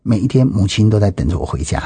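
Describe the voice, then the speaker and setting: A middle-aged man with a Taiwanese Mandarin accent recounts his life in an emphatic testimony, full of exclamations and repeated phrases. His voice is dark and husky, and it sounds dry and close with little room sound. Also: on the low side, lively intonation, fast, no echo. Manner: emphatic, with frequent exclamations and repetitions. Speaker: interviewee giving personal testimony. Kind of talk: personal testimony storytelling.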